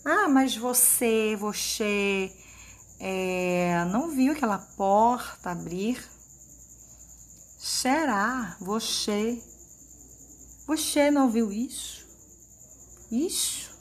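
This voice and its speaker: A woman putting on a Rio de Janeiro local who stretches every s into a soft hiss, with a broad Carioca accent. The voice drawls slowly and lingers on each word. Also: fairly high pitch, animated, exaggerated voice. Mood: teasing. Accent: Carioca, Rio de Janeiro Portuguese. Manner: exaggerated hissing s sounds. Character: Rio de Janeiro local hissing their s sounds.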